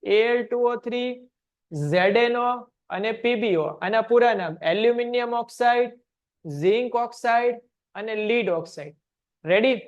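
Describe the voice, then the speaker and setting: Speaking a little slowly in a very high voice, a man runs an online science lesson in which he quizzes the class with short questions and answers them in a steady drill. Dull, lo-fi audio.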